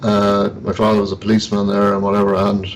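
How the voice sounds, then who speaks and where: A man's voice: lowish voice, monotone, fast, slight background noise, low-quality recording. A man hosting an interview, chatting casually in a rambling way, full of fillers. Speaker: show host. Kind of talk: casual chat.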